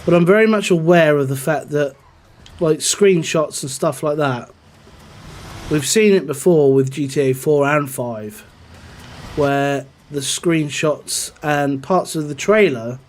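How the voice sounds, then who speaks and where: A man's voice: on the high side, slight background noise. A man chatting casually on a gaming live stream, rambling and answering his chat.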